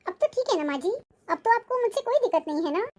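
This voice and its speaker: A harried middle-aged mother-in-law in a cartoon, voiced by a woman. She complains and whines about being ordered around, in a very high, thin voice. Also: lively intonation, fast talker, a little mellow, soft background music. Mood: pleading. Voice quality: complaining, whiny. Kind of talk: cartoon voice acting.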